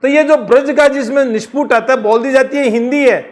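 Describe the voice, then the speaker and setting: Delivering an exam-prep lecture with a Rajasthani accent, this male teacher has a very high-pitched voice. His explanations are slow, he goes over key points more than once, and he poses questions only to answer them himself.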